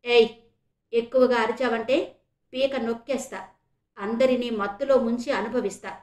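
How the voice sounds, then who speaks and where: A man's voice: very high-pitched, steady tone, normal speed, darkish tone. A woman voicing a lecherous, menacing fake holy man who coaxes and threatens, in a roomy, echoey recording. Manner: coaxing then threatening.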